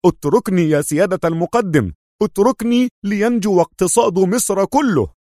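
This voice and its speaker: A man performs a young male intelligence officer in a spy audiobook, his voice pitched high above the narrator's, frantic and stubborn, bursting out in pleas and protests. The recording is dry and close. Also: moderate pace, dry recording, natural voice. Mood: agitated, pleading. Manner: excited, pleading outbursts.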